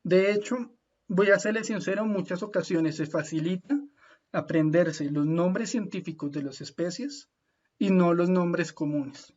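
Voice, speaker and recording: A man gives an easygoing online lecture in a slightly high voice. He talks patiently, pausing to make sure everyone follows and drawing out the hard Latin names. His voice comes through muffled video call audio. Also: a little mellow. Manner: friendly, patient, often checks in with "¿listo?"; slows down to spell out Latin names. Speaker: speaker at an online talk. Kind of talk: informal lecture.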